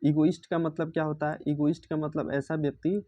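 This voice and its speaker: A man, his voice a little high, teaches vocabulary from a book. He often repeats words and answers his own questions, and slows down to read English passages. The recording is dry and a bit dull. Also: level tone, no room sound. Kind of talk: vocabulary lesson, reading a book aloud and explaining.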